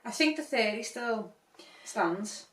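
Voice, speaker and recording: A woman co-hosting a casual chat podcast, giggly and animated, recorded roomy and from a distance. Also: a little high, takes it slowly. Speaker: podcast co-host.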